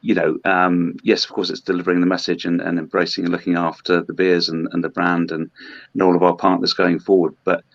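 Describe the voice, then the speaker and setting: Deep, flat-voiced man, hesitant. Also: fairly quick, vocal fry, no room sound. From Hong Kong. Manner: hesitant, many ums and restarts. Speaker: brewery representative. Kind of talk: podcast interview. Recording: dull lo-fi dry sound.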